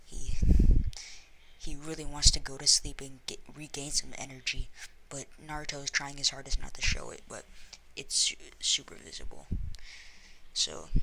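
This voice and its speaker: Rambling gravelly-voiced storyteller. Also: medium pitch, background noise. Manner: rambling, chains of "and then" with restarts. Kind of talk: casual fan story retelling.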